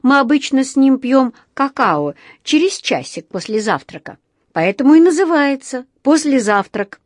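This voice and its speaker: A woman's voice: sits high, very animated, normal speed, no echo, studio quality, voice pushed up. Woman voicing an earnest little bear cub. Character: small polite bear cub, earnest and naive.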